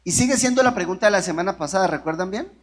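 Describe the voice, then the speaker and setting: A man with a high, lively voice races through a conversational sermon, often throwing rhetorical questions at the congregation. He restarts lines and cracks jokes.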